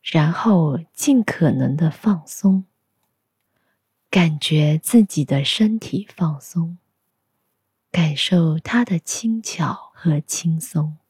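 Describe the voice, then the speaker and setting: A woman leads a guided meditation in a soothing whisper. Her voice is very breathy and low, and she speaks extremely slowly. The delivery is soft and instructional, like a spa relaxation track. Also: expressive, no room sound, clean studio sound.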